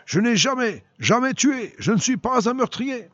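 A man's voice: a little high, big pitch swings, normal speed, husky, dry recording, lo-fi sound. A man voicing a remorseful young male soldier with a criminal past, in a pleading, broken voice. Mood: desperate.

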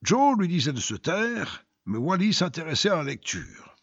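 A man reading a dramatic story aloud, swinging between loud and hushed delivery. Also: on the high side, very animated, moderate pace, no room sound. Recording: dull lo-fi recording.

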